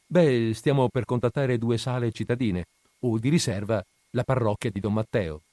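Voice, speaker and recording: A man voicing a proud, prickly young jazz bassist who answers with defiant sarcasm. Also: moderate pace, warm tone, dry recording, natural voice.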